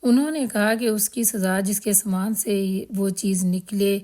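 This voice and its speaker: A woman gives a scripture translation lesson in a warm, mellow voice. She recites each word and follows it with its translation, keeping a measured, unhurried rhythm at a middling pitch. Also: fairly even intonation. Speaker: Quran translation teacher.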